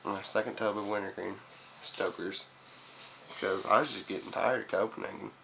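Seated by a window in a small room, a young video reviewer rambles casually to camera and swears, chewing tobacco all the while. His fairly low, gravelly, slightly bright voice holds fairly even intonation at a normal speed. The recording is noisy, like a webcam.

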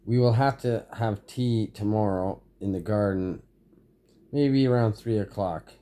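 Guy reading as a cranky old grandma, slow, lowish voice, scolding. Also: mellow, close to an everyday voice. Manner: scolding, indignant. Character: stern disapproving elderly grandmother.

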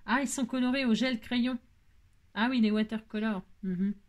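Opening her mail on camera, a craft vlogger with a highish voice chats casually at a moderate pace, gushing effusively over every item and repeating "trop joli." She also coos baby talk to her cat.

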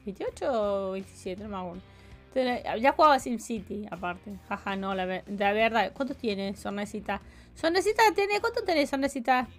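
A woman's voice: mid-range voice, lively intonation, normal speed, a bit bright, faint music behind. A woman in her forties with a Córdoba Argentine accent, chatting playfully with her viewers while she plays a game, humming sing-song fillers. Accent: Córdoba Argentine Spanish. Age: 40s. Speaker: streamer. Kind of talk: casual live-stream chat while playing.

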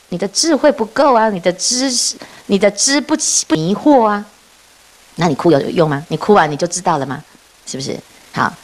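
A woman giving a dharma talk as a Buddhist nun, telling stories with frequent laughs and rhetorical questions. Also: medium pitch. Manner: lively storytelling, often laughing and asking rhetorical questions.

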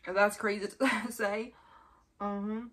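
In a small bedroom, a twenty-five-year-old vlogger shooting a mukbang chats to a camera placed just in front of her, rambling informally and frequently repeating herself. Her voice is mid-range and a bit bright, with little pitch movement and a measured pace.

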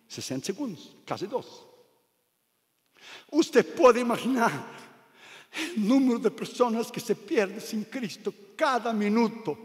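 High-voiced impassioned man preaching in a hall. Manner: impassioned, builds to shouted repeated phrases. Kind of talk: sermon. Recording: long hall reverb with faint music.

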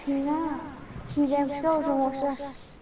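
A player with a Scottish accent in casual gaming chat, full of joking, excitable banter. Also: high voice, slow pace, noisy background.

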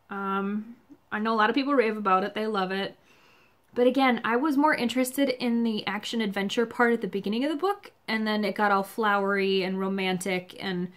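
A woman in her thirties reviews books for a home vlog. Her voice sits at a middling pitch, and she talks casually, thinking aloud with small self-deprecating asides. She is recorded indoors in a small room, speaking to a camera close in front of her. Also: a bit bright. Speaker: book reviewer.

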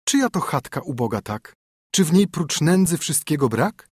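A man voicing a proud young princess brought low, speaking in a plaintive, lamenting way in a storybook reading. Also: sing-song, moderate pace, darkish tone, husky, dry recording, studio quality. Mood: haughty.

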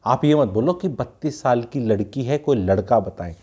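A man from Haryana gives frank, casual advice to young people, slipping English into his speech. His voice is mellow and relaxed. He drives his points home with rhetorical questions. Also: medium pitch, moderate pace, husky. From Haryana, India. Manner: blunt, mixes Hindi with English, rhetorical questions. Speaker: youth advice speaker.

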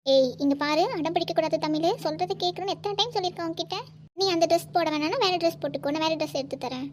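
A woman's voice: extremely high pitch, very fast, a little hiss or hum. A woman voicing a bossy, quarrelsome young woman who scolds and bickers in a cartoon. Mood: scolding. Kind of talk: cartoon voice acting.

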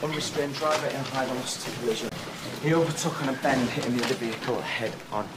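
A man playing a brisk, focused emergency medic in a medical drama, with a businesslike, clinical delivery. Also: mid-range voice, lightly acted. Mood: brisk, urgent. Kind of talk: filmed medical drama acting. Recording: very noisy hospital scene ambience.

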